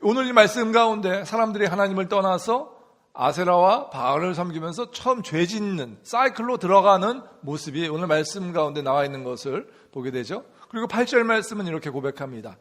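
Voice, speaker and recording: High-voiced Korean pastor preaching a sermon. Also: male voice, animated, brisk, a bit bright. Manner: call-and-response questions to the congregation; rhythmic repetition for emphasis. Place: church sanctuary.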